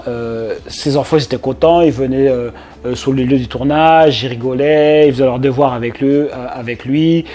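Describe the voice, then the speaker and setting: A man from France speaking in an informal, conversational way to his audience. His voice sits a little higher than usual for a man. He often restarts his sentences. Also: a little mellow. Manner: chatty, informal, speaks directly to the viewer, many fillers and restarts. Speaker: business coach and YouTuber. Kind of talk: casual video commentary to the viewer.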